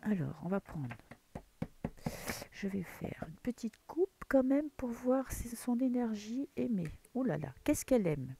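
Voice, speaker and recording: A tarot reader with a French accent talks casually in an unhurried, gravelly voice that is a little high, warm in tone and full of big pitch swings. She rambles, with many fillers and restarts, from a dim room at home early in the morning. A little hiss or hum is audible.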